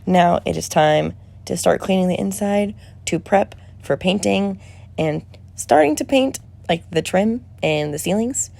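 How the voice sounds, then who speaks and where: A woman's voice: fairly low pitch, unhurried, vocal fry, a little mellow. A woman in her early twenties narrating a casual vlog voiceover in a conversational, wry way, close to the mic. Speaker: vlogger.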